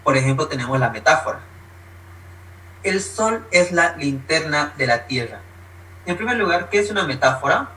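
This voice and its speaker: Guy teaching a workshop, bright voice, bit high, sounds kinda far from the mic. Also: expressive, normal speed. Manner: instructive, uses spoken examples, varies pitch for emphasis. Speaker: workshop presenter. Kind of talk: recorded online workshop lesson.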